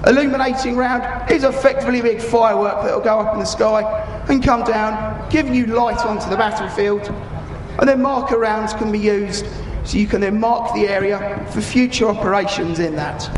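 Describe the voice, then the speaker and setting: A man's voice: high voice, moderate pace. A British man in his thirties giving live, explanatory commentary to spectators at a military display, in informal language over a public address microphone. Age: 30s. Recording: echoey arena PA, crowd and noise.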